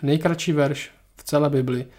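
A man's voice: fairly high pitch, steady tone, darkish tone. Earnest man explaining Bible questions. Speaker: host answering listener questions.

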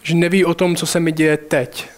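A man preaching a sermon, speaking straight to his listeners with urgency and slowing down to stress key phrases. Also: a little high, flat delivery.

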